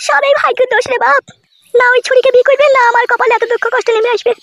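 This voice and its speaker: A woman's voice: very high voice, steady tone, quick pace, vocal fry, a bit bright, dry recording. A woman acting in a comic family sketch, scolding and quarrelling dramatically.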